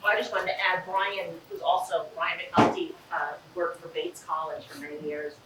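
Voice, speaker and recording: A woman's voice: lowish voice, moderate pace, echoey room, distant mic, very noisy. A woman adding remarks about her father at a memorial, searching for words with fillers. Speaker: family member at memorial.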